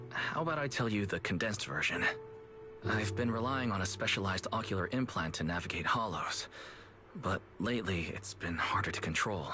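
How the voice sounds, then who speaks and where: A calm, considerate young male proxy, voiced by a man in a game cutscene. He speaks gently in a slightly low voice while a clear music score plays underneath. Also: natural voice. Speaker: game protagonist.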